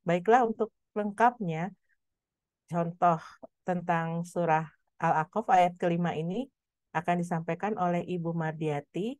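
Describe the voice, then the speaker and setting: A woman teaching a Quran recitation lesson, explaining patiently and drawing out example words slowly. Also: on the low side, a little mellow, no room sound, clean studio sound. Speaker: tajwid teacher.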